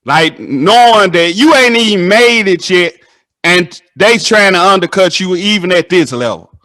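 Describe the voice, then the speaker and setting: A man, hosting a casual interview and telling animated stories that act out the dialogue. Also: high voice, a little slow. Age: 30s. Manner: animated storytelling, acts out dialogue.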